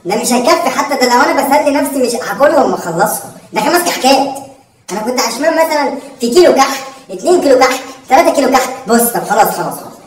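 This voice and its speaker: Brief: woman doing a cheeky, greedy Egyptian son, high, very fast wheedling, roomy and off-mic. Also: recorded from a distance, slight background noise, close to an everyday voice. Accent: Egyptian Arabic. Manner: wheedling, pleading, rapid-fire repetition. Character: greedy cheeky young son begging for treats. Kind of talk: home comedy sketch. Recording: echoey room, voice off-mic.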